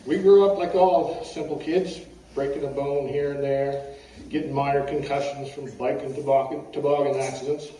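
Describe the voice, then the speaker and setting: A man's voice: medium pitch, steady tone, moderate pace, mellow. A middle-aged or older man reading a personal eulogy from notes, telling humorous anecdotes in a wry, folksy way. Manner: wry, folksy storytelling, often clearing the throat. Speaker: eulogist at a funeral. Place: echoey room at a funeral service. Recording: roomy, distant mic with faint background noise.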